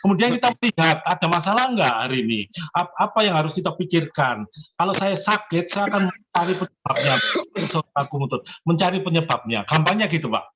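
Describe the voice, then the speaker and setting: A man in his seventies with a fairly high voice, giving emphatic, encouraging personal readings. A faint hiss of noise sits behind him. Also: big pitch swings, a little fast, a bit bright. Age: 70s. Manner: encouraging and emphatic, often addresses the listener as sir. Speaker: zodiac fortune consultant.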